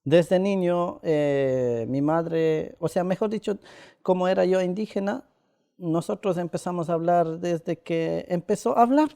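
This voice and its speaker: Soft-toned man. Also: high voice, gravelly. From Ecuador. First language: Quichua. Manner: halting, with many pauses and "eh" fillers. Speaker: interviewee. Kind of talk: casual conversation.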